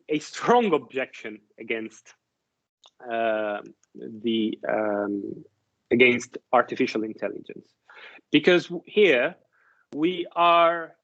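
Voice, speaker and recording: A man delivers a university lecture, working through ideas haltingly with frequent restarts and fillers while often checking in with his listeners. His pitch is fairly high and his tone fairly bright, and the recording sounds muffled.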